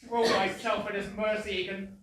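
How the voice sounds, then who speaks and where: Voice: mid-range voice, flat delivery, moderate pace, background noise, natural voice. A performer playing a fretful, panicking William Shakespeare in a live stage comedy, recorded from far off in an echoey theatre. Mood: anxious. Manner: anxious, fretful.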